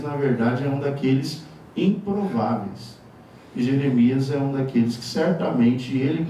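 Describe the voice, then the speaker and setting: Male Brazilian pastor, mellow voice, wry conversational preaching, distant mic in a reverberant church. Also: mid-range voice, slight background noise. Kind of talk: sermon. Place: church sanctuary. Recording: echoey church hall from far off.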